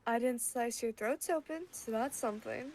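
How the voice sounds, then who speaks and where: A woman voicing a cold, threatening female adventurer who speaks slowly and tauntingly. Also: on the high side, over a noisy crowd, lightly acted. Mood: menacing. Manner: menacing, slow and taunting.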